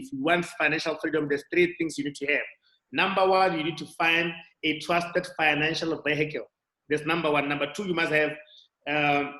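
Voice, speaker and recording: A man from South Africa speaking on a video call, giving a motivational sales presentation in a halting way, full of fillers and restarts. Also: fairly high pitch, pushed and bright. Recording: echoey room audio.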